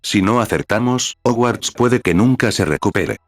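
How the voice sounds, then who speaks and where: Guy doing a cheeky teen boy, fake serious, deep voice. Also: animated, normal speed, no echo. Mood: mock-solemn. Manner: mock-solemn. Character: cheeky, mock-solemn teenage boy.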